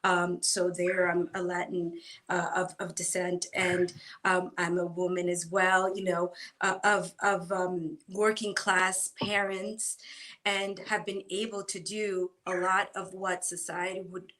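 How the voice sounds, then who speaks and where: Female guest, middle-aged, from Ecuador, sincere and encouraging, halting conversational delivery. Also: fairly low pitch, little pitch movement, fairly bright tone. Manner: earnest, repeats words as she restarts sentences. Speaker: guest, former Marine. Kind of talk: conversational interview.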